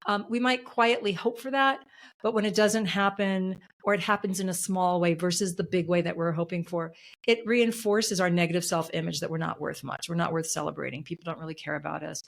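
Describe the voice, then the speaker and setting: This middle-aged author and coach, interviewed for a podcast, has a lowish, creaky voice with a steady tone and a slightly fast delivery. Earnest and emphatic, she keeps coming back to the same key phrases.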